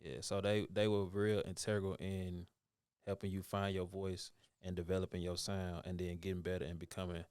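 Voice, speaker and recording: A man's voice: deep voice, little pitch movement, moderate pace, a little mellow, smooth, dry recording, clean studio sound. A man in his thirties interviewing an artist in a laid-back, rambling way, full of slang. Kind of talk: casual interview.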